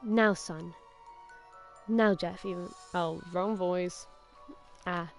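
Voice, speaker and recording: A woman's voice: lowish voice, steady tone, drawn-out words, faint music behind. A woman voicing a concerned father in a read-aloud story, earnest and a little raised. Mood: lecturing.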